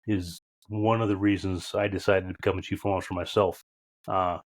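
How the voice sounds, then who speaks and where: Brisk and low-pitched with a level tone, a man in his fifties opens his podcast's casual interview by introducing the guest, pausing thoughtfully to find the right words.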